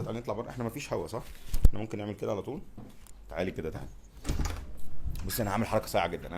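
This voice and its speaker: A man with an Egyptian accent doing a casual, chatty gear review, repeating himself and talking to the people filming him. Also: on the low side. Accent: Egyptian Arabic. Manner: chatty, repeats himself, talks to the camera crew. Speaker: tech vlogger.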